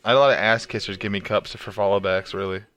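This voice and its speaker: A man's voice: lowish voice, fairly even intonation, fast, fairly bright tone. A man co-hosting a talk podcast, wry and profane, laughing often in casual chat. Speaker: podcast co-host.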